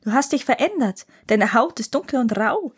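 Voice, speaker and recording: A woman's voice: mid-range voice, normal speed, warm tone, breathy edge, natural voice. A woman voicing a trusting young prince who speaks earnestly and asks questions. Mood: puzzled.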